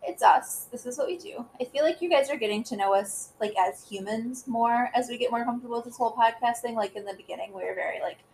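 A woman's voice: on the high side, fast, creaky, hardly any pauses, darkish tone, a little hiss or hum, rough recording. A woman in her thirties co-hosting a podcast in casual chat, rambling with lots of fillers and giggles. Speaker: podcast co-host.

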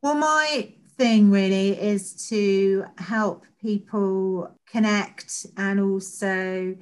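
A woman's voice: mid-range voice, very slow. A woman hosting a podcast, chatting in an earnest, casual way and often saying "you know". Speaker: podcast host and interviewer. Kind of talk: casual interview chat.

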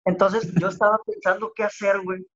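A man's voice: high-pitched, flat delivery, brisk, fairly bright tone, highs cut off. A man with a Mexican accent telling a story in a casual, rambling podcast chat, heavy on slang, over a remote call. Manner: slangy, rambling, packs "güey" into every sentence. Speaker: podcast guest. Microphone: remote call audio.

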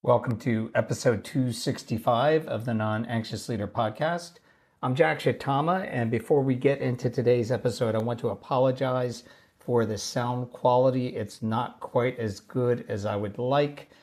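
A man with a mid-range voice hosts his own podcast, explaining ideas in a calm and measured way. He is recording away from home on a basic video-call mic, so the sound comes across as a low-quality stream rather than a clean studio recording. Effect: lower-quality laptop mic instead of his usual studio mic. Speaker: podcast host. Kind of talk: solo podcast talk on leadership. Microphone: basic mic normally used for video calls.

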